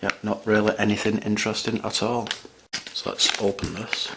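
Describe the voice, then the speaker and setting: A man's voice: lowish voice, level tone, moderate pace, creaky, very noisy. A man chatting casually as he reviews candy on camera, rambling and restarting his sentences. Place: at home in front of a camera.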